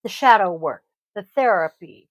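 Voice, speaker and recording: A woman's voice: mid-range voice, animated, moderate pace, dry recording. Brief: middle-aged woman, chatty podcast host, laughs a lot, swears casually, dry close sound. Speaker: podcast host, yoga teacher. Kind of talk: casual chat.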